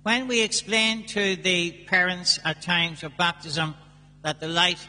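A man speaking as a priest at Mass, reading scripture and preaching with measured, deliberate pauses in a cathedral-like echo. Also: high voice, steady tone, pushed and bright. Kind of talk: liturgical reading and sermon. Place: large church during a service. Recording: long cathedral-like church echo.

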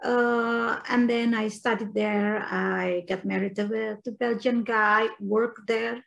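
Woman from Indonesia, gravelly higher voice. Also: steady tone, dull audio. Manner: unhurried, laughs often, rephrases and restarts as she goes. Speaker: podcast guest. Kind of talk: casual interview chat.

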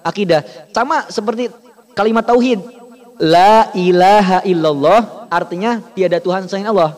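Man, high voice, patient Quran recitation teacher correcting his students. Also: a little mellow. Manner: patient, demonstrates sounds slowly and corrects.

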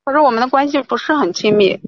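A woman's voice: high-pitched, fast talker, no room sound, dull audio. A woman caller on a livestream advice show, insistently complaining that she was not respected, often repeating herself.

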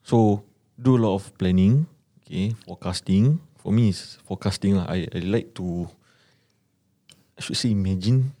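A man with a low, soft-edged, mellow voice talks in casual Singaporean Singlish. He gives advice conversationally as a guest, dropping in particles like lah and switching into Malay. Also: moderate pace. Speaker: podcast guest, small business owner.

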